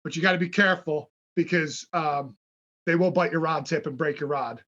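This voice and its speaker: Animated man telling fishing stories. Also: fairly high pitch, moderate pace, muffled recording. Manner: animated, swears freely, acts out quotes. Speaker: podcast guest, fishing brand founder. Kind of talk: casual storytelling.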